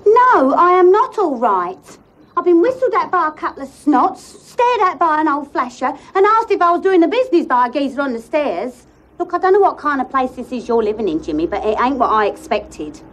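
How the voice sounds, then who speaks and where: A woman's voice: high-pitched, sing-song, a little fast, a bit bright, rough recording. A young woman with a London accent playing a brash, blunt, complaining girlfriend in a naturalistic television comedy-drama. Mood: indignant.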